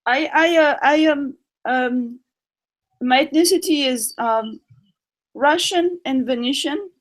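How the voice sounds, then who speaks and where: A woman who grew up in Morocco, speaking as a guest on a casual chat show. Her voice sits a little high, and she talks haltingly, filling gaps with ums and starting her phrases over. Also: low-quality recording. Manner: hesitant, many ums and restarts.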